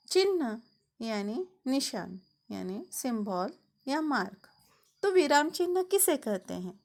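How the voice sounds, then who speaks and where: Woman teacher going slow for kids, higher voice, stresses every example line. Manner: slow, deliberate explaining with emphatic example sentences. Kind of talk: grammar lesson for children.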